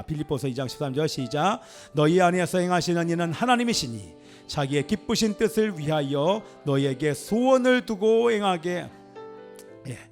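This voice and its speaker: A middle-aged man preaching a Sunday sermon as pastor, emphatic and rising to exclamations. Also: on the high side. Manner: emphatic preaching, rises to exclamations and calls of amen. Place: church sanctuary.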